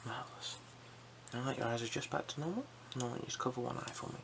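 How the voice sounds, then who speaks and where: Playing an eye examiner, this ASMR performer whispers breathily and speaks softly, guiding the listener with gentle, unhurried reassurance. Pitch is medium, with background noise present.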